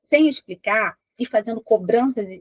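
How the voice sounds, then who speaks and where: Husky Brazilian woman giving parenting advice. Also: on the high side, lively intonation, moderate pace, dry recording, dull audio. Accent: Brazilian Portuguese. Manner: explanatory, addresses the mother directly with rhetorical questions. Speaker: parenting educator. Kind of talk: direct-to-camera advice talk.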